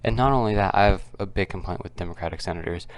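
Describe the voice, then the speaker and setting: A man hosting a casual, unscripted commentary video, keeping his voice quiet and subdued and talking in a halting, repetitive way. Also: low voice, clean tone. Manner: kept quiet, subdued because others are nearby. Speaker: political commentary video host. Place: at home, others nearby.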